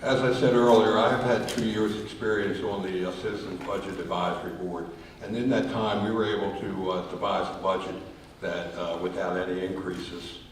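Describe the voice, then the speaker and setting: A man council candidate answering forum questions in a halting way with many uhs. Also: deep voice, level tone, a little hiss or hum. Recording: echoey hall, distant mic.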